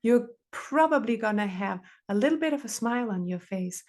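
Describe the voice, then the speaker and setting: A woman's voice: a little high, expressive, moderate pace, a little mellow. A middle-aged woman therapist, giving earnest advice in conversation and repeating phrases for emphasis. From Denmark. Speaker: relationship therapist, podcast guest.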